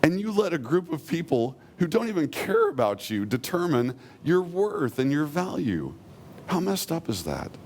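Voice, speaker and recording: A man preaching a sermon, earnestly, slowing down and softening when he quotes God's words. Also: a little high, very animated, a little hiss or hum. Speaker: pastor.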